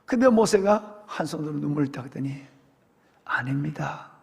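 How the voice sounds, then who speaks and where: A male senior pastor telling a story as a dramatic sermon, with animated delivery, in a church sanctuary. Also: high voice, moderate pace, gravelly. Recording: long church hall reverb.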